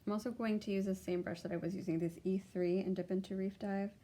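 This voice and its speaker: A woman's voice: mid-range voice, fairly even intonation, quick pace, dark tone. A young adult woman narrating a makeup tutorial, chatty as she talks through each step of her look. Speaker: beauty vlogger.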